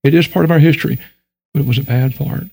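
This Texan man's voice sits on the high side, with vocal fry and a dark tone, and he talks fast. He is a guest on a frank panel discussion, speaking earnestly and forcefully and now and then acting out quoted voices in his Texan accent.

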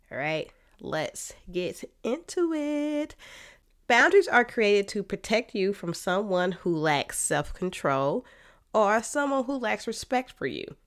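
An American woman with a slightly nasal, stuffed-up sinus voice, giving casual, direct advice as a podcast host and therapist. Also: lowish voice. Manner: informal, direct, folksy turns of phrase.

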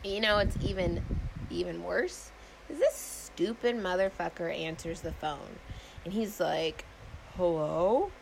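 A woman's voice: lowish voice, measured pace, gravelly, background noise. A young adult woman casually retelling a story, candid and profane, acting out both sides of phone calls in slangy, exasperated talk.

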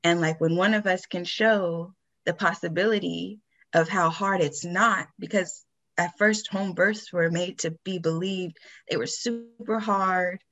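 A woman's voice: fairly low pitch, measured pace. Woman cohost just chatting, lots of like and you know, laughs a bunch. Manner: chatty, animated storytelling with frequent laughs; frequent fillers like "like" and "you know". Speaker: podcast co-host. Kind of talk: casual podcast chat.

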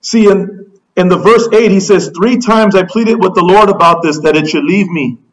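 A man's voice: high voice, moderate pace, rough recording. A man preaching a sermon as pastor, passionately acting out the pleading prayers of his listeners.

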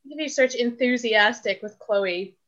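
A woman's voice: on the high side, unhurried, fairly bright tone. A young woman from Canada, a podcast guest, talking casually and rambling with lots of fillers. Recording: dull lo-fi audio.

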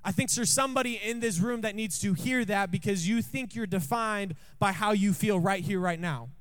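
High-voiced man preaching a jokey sermon. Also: moderate pace, fairly bright tone, clear, resonant tone. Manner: jokey, asks the room questions often. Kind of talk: storytelling sermon to a congregation. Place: church.

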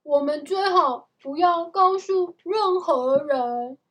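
A woman's voice: high-pitched, steady tone, a little slow, darkish tone. A woman reading a storybook aloud, voicing a thoughtful, cautious young boy in an earnest tone close to her own voice.

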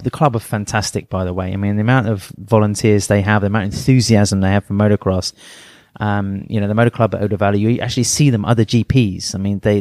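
A man's voice: lowish voice, darkish tone, dry recording, clean studio sound. A middle-aged man co-hosting a podcast, talking things through in a thoughtful, rambling way with many fillers. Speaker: podcast co-host. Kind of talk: casual chat.

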